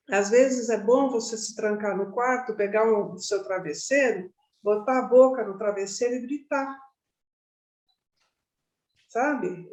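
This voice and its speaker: With a fairly high, slightly mellow voice, she talks through a meditation class casually, often adding tag questions to check in with the group. The recording carries a roomy echo.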